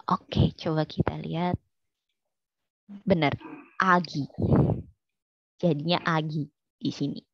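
A woman's voice: sits low, fairly even intonation, slow pace, vocal fry, pauses often, dry recording, muffled recording. A woman teaching an online language lesson, quizzing her students in a chatty way with many fillers.

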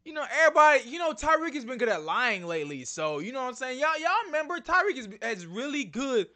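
Lively, bright-voiced young man vlogging. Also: very high-pitched, fast talker. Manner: excitable, slangy, addresses viewers as y'all. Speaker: YouTube channel host. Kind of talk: casual trailer breakdown vlog.

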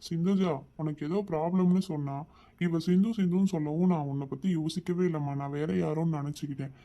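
An actor playing a protective older brother in a cartoon, who speaks calmly and reassuringly. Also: male voice, a little high, fast talker, highs cut off, natural voice. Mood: soothing. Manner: calm, soothing, reassuring. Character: caring protective older brother, young adult man. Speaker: cartoon character. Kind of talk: cartoon voice acting.

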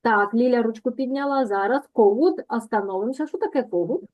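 A woman teaching a language lesson over a video call, patiently repeating words slowly to correct pronunciation. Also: a little high, lively intonation, muffled recording.

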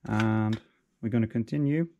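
A young man explaining a metalworking project in a relaxed, plain way, recorded in his workshop on a head-mounted camera. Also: fairly low pitch, moderate pace, vocal fry, dull audio, a little hiss or hum. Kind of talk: casual workshop vlog. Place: cluttered metal workshop indoors.

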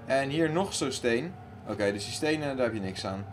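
A man hosting a let's play who talks to himself and loudly panics while playing. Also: mid-range voice, animated, moderate pace, over music. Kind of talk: casual gaming commentary.

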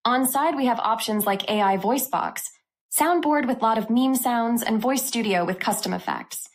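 A woman hosting a tech channel, walking through a software review step by step in an upbeat way. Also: fairly high pitch, moderate pace.

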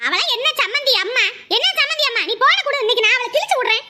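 A woman voicing a fierce, sharp-tongued village grandmother in a cartoon, scolding and combative. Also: very high voice, animated, rapid-fire, very noisy. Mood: angry. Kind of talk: cartoon voice acting.

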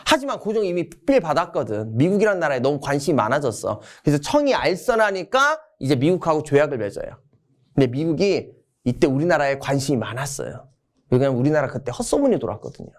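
A man's voice: on the high side, sing-song, fast. A man giving a casual exam-prep history lecture, telling it as a story. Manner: casual, storytelling, acts out quotes.

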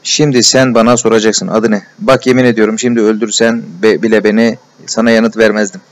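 A man voicing a shy, tender-hearted young male clerk who talks in emotional, confiding rushes, in a storybook reading. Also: lowish voice, little pitch movement, close to an everyday voice. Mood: fervent. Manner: emotional, breathless confiding, repeated endearments.

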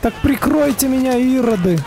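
A man's voice: extremely high pitch, moderate pace, vocal fry, rough recording. A man giving casual gameplay commentary, grumbling sarcastically and swearing freely. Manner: foul-mouthed, grumbling, sarcastic. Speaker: gamer commenting on own playthrough. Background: video game soundtrack, shooting.

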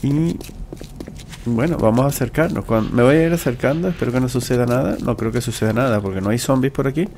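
Male gamer, mid-pitched with vocal fry, casual self-talking commentary over noisy game ambience. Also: fast, a little mellow. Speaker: gamer, let's play host.

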